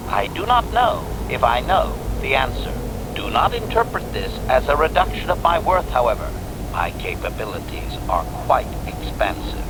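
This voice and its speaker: An actor playing a formal, menacing male combat droid in a video game, his voice run through a robot filter, speaking stiffly and opening replies with one-word labels. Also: mid-range voice. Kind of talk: video game cutscene dialogue. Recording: game audio with steady background noise.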